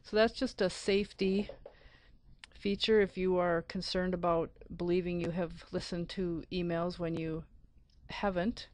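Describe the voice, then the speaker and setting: A woman narrating a screencast software tutorial as an IT support instructor, explaining methodically step by step. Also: lowish voice, flat delivery, a little slow. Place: close, dry voice-over for a screen recording.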